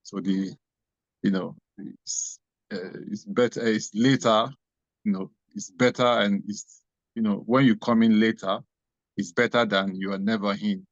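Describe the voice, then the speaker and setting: A man introduces himself on a video call in a rambling, hesitant way full of fillers. His voice is low and gravelly. The call audio is dry and muffled. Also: steady tone, measured pace, no echo. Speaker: webinar attendee. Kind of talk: casual self-introduction.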